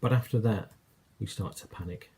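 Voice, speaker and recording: A man's voice: fairly low pitch, moderate pace, vocal fry, mellow, slight background noise. A man with an English accent preaching a sermon, telling a story in a conversational way and acting out quoted lines.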